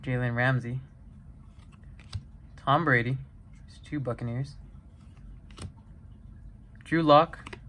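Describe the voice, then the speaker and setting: A young man casually vlogging a card break, reading out player names and getting excited over good pulls. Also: mid-range voice, slow pace, pauses often, slight background noise. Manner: excitable, chatty, reads player names off cards one by one. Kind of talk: casual card-opening vlog.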